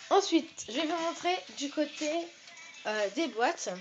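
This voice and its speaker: A woman's voice: high-pitched, expressive, unhurried, muffled recording, soft background music. A woman in her bedroom giving a casual show-and-tell of her toy collection, chatty and full of hesitations as she reels off prices.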